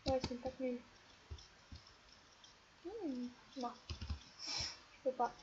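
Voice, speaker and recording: Teen girl gamer, high and unhurried, playful self-talk, muffled lo-fi mic with hiss. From France. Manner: playful, chatty, talks to herself and the players. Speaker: gaming video creator. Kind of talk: let's play commentary. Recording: dull lo-fi mic with steady noise.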